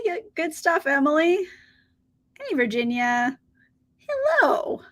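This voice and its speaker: A book channel host runs a casual livestream, welcoming viewers and replying to their comments. Her high, slightly bright voice is upbeat and chatty, broken by frequent laughter, though it sounds a bit scratchy today.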